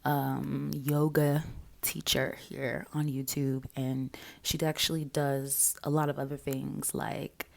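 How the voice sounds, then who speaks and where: A young woman talks casually to her vlog viewers in a low voice with a gravelly fry. Her speech is slow and halting, full of little fillers and pauses, and her voice sounds slightly shaky with nerves. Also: flat delivery. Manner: soft, halting, with many fillers. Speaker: YouTube creator. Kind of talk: casual talking-head vlog.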